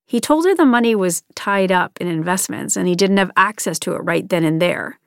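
A woman hosting a podcast, giving measured, scripted true-crime narration and interview questions. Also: fairly low pitch, creaky, clear, resonant tone, no room sound, clean studio sound.

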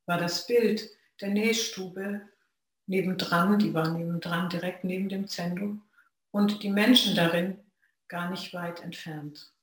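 Reflective dharma talk from a Zen practitioner, unhurried and pausing, heavy room echo. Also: medium pitch, fairly even intonation. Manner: slow, measured, pausing between phrases. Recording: very echoey room.

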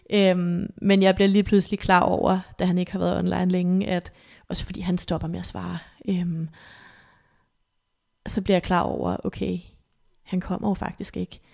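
A woman guest on a podcast, softly retelling a painful personal story, halting and emotional. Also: medium pitch, level tone, creaky. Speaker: interview guest.

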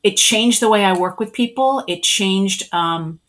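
A woman's voice: medium pitch, unhurried, a bit bright. A middle-aged woman, a spiritual energy worker, telling her life story in a casual interview and acting out her own past thoughts.

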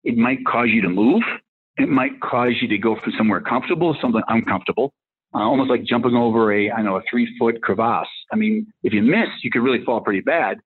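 A medium-pitched, breathy man in his fifties with a Massachusetts accent talks fast over a narrow, phone-like line. A tech executive, he rambles casually through his career story, slipping into little acted-out snippets of dialogue.

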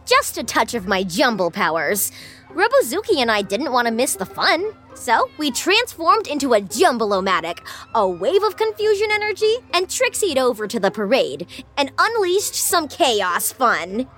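A woman's voice: high-pitched, sing-song, normal speed, a bit bright, faint music behind. A woman playing a smug, mock-innocent female villain who loves chaos, in a children's audio story. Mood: gloating, gleeful. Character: gleeful, smug female mischief-making villain.

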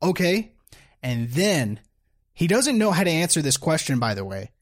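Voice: medium pitch, very animated, normal speed. A commentator reacting to a video clip in a sarcastic, mocking way. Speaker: political commentator.

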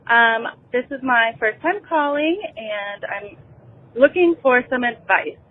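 A woman's voicemail comes through a thin, tinny phone line, her voice sitting a little high. She speaks slowly and hesitantly, stopping often to search for her words. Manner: hesitant, many ums. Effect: voicemail over a phone line. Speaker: caller. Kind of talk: recorded voicemail message.

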